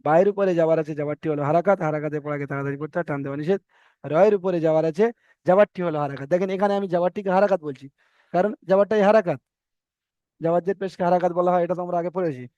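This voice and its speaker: A man's voice: high-pitched, rapid-fire, mellow, smooth, no echo. A man teaching Quran reading in an online class, patiently repeating rules and correcting his students. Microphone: video call. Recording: dull dry online call audio.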